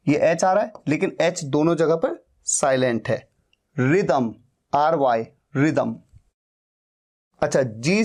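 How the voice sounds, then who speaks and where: Slow, patient male teacher. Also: fairly high pitch, darkish tone. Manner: patient, spells out words and repeats them. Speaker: English teacher. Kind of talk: slow spoken-English lesson.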